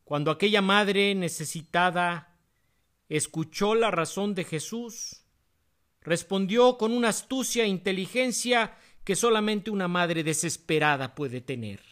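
Slow, deliberate male preacher. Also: high-pitched, a bit bright. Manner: cites chapter and verse in a quick aside, voice dropping; slow, deliberate delivery with rising emphasis on key phrases. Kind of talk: sermon.

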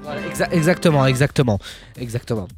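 A man hosting a radio show in lively banter, chatty and teasing, often repeating himself. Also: medium pitch, fast, music in the background.

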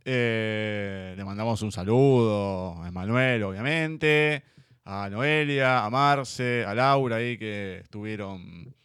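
A man's voice: on the low side, slow pace, fairly bright tone, smooth, no room sound, studio quality. A man with a Rioplatense Argentine accent hosting a literary radio show, joking with his co-host and signing off. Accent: Rioplatense Argentine Spanish. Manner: teasing, joking. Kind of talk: casual radio banter and sign-off.

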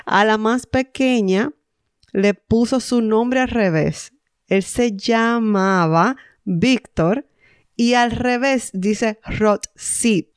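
A woman's voice: fairly high pitch, drawn-out words, clear, resonant tone, no room sound, clean studio sound. A woman co-hosting a casual podcast chat, telling stories and laughing often. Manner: chatty, laughs often, storytelling. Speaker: podcast co-host.

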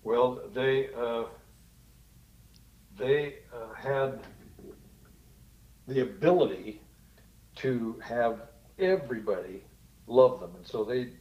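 A man's voice: mid-range voice, takes it slowly, pauses often. Chuckling male guest, slightly dull audio. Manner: chuckling, storytelling. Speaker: guest, TV show host. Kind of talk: casual interview chat.

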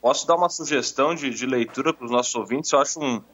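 A man's voice: medium pitch, fast, fairly bright tone, breathy edge. Hesitant man, slightly dull sound. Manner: hesitant, searching for words. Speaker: talk show guest. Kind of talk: casual conversational recommendation.

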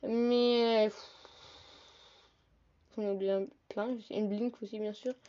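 A young woman hosting a casual solo podcast, talking fast and chatty, often calling her listeners "the guys". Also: fairly high pitch, steady tone, dark tone, muffled recording. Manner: fast, chatty, addresses listeners as "les gars". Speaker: podcast host.

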